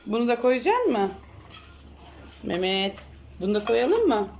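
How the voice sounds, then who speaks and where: Slow, singsong mother coaxing a toddler. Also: fairly high pitch, very animated, a little hiss or hum. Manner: coaxing, praising and scolding gently. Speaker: mother playing with her toddler. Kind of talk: home video talk to a small child.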